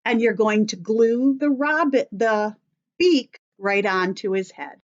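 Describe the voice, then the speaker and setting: Her voice is a little high and she takes her time as she guides young children step by step during craft and story time, asking encouraging questions. The audio is dull.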